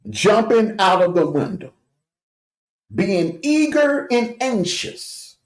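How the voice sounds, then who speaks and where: A man's voice: sits high, big pitch swings, takes it slowly. Male streamer host, mocking rant, voice leaps up and down, echoey room. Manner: taunting, jeering, with scornful laughs. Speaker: livestream host.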